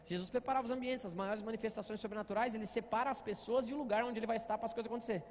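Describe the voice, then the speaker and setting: A man's voice: sits high, steady tone, racing, darkish tone, big-room sound. A man preaching as pastor, telling stories and often asking the congregation to answer back. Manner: storytelling, often asking the congregation "Amém, amados?". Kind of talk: sermon. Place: church hall.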